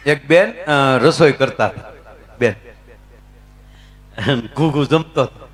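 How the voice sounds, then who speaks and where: Pitched in the medium range and delivered slowly, this voice belongs to a middle-aged Gujarati-accented folk comedian from Gujarat, India. He chats through anecdotes on a live stage and talks directly with his audience.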